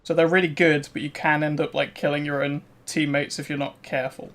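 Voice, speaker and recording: A man's voice: a little high, level tone, brisk, fairly bright tone. A man streaming a game, chatting casually and answering viewers with lots of "um" and "like.". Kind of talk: casual gameplay commentary.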